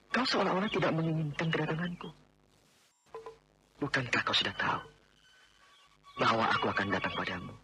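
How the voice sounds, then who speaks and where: A man's voice: medium pitch, bright, forceful tone, a little hiss or hum. An actor playing a domineering man who insists on marrying a woman he wronged, in a 1980s radio drama. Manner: insistent, overbearing, then remorseful.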